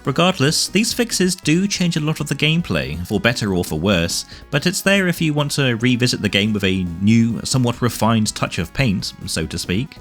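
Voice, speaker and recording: A man's voice: mid-range voice, very animated, normal speed, few pauses, a bit bright. A man narrating a scripted game retrospective with wry, dry asides over background music. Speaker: video game reviewer and narrator. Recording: music behind the voice.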